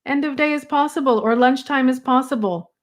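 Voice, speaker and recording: A woman's voice: high voice, fairly quick. Middle-aged woman coach, emphatic chat. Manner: emphatic, storytelling. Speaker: podcast co-host and coach. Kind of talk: casual podcast conversation.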